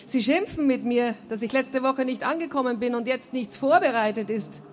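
A woman's voice: high voice, moderate pace, lightly acted. A woman reading aloud and voicing an exuberant, boisterous man coming back home, laughing as he talks. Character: exuberant loud middle-aged man returning home.

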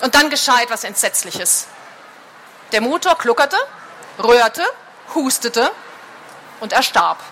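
A woman reading a novel aloud with expressive, dramatic narration. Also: fairly high pitch, slow, long pauses, slight background noise. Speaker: reader.

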